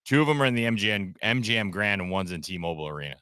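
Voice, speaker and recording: A man hosting a casual sports talk show, relaxed and hesitant with plenty of fillers. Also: lowish voice, rapid-fire, smooth, no room sound, clean studio sound.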